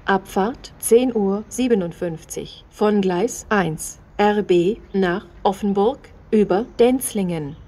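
Slow, mellow woman making flat platform announcements. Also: medium pitch. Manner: flat, measured, segmented phrasing. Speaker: railway station announcer.

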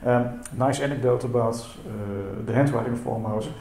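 A man presenting at a symposium, Dutch being his first language, delivers his conference talk hesitantly with frequent fillers and repetitions. His voice is mid-range and darkish at a moderate pace, recorded in an echoey lecture hall with faint noise.

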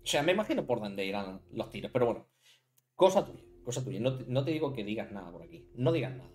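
Medium-pitched, sing-song and fast, this Spanish man with a Spanish accent builds a card deck during a casual live stream. He muses aloud and chats with viewers, calling them by name.

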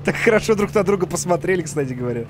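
A man in his thirties doing casual live game commentary, joking and swearing as he reacts out loud. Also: high-pitched, expressive, very fast, noisy background. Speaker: game streamer. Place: indoor room, streaming setup. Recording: music and game sounds behind. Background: game music and effects.

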